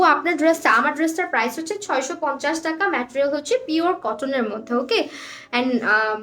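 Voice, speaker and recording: A woman's voice: sits high, a bit bright. A woman hosting a live clothing sale, chatting casually, reading out viewers' comments and names, and slipping English words into her talk. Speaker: online clothing seller on a live stream. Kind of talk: casual live-stream sales chat.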